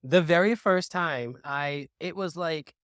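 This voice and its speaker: A man hosting a casual podcast chat, telling lively stories and backing up his guest with quick agreement. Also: on the high side, clear, resonant tone, no echo, clean studio sound. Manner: animated storyteller, quick listener backchannels. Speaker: podcast host.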